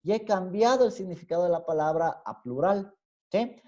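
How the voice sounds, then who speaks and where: A male university teacher with an Ecuadorian highland accent gives an online class lecture. He explains step by step and keeps checking in with a rising "¿sí?". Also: normal speed, warm tone. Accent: Ecuadorian highland Spanish. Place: home room on a video call. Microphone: computer mic on a video call. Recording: dull, lo-fi video-call audio.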